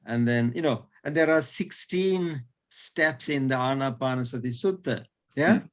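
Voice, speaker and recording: A man's voice: medium pitch, a little slow. A male teacher explaining in an online lesson, hesitant, repeating words with many fillers and chuckling between points.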